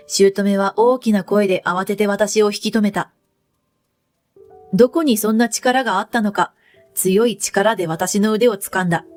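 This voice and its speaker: A woman narrating a first-person story in a calm, measured read-aloud style. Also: mid-range voice.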